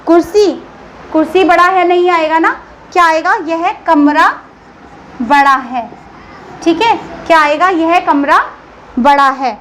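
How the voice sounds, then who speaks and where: A woman teacher with a high, light voice walks young pupils through a grammar lesson. She asks a question, waits a beat and answers it herself in a patient, steady way. A faint hiss sits under the recording. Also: poor audio. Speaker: school teacher.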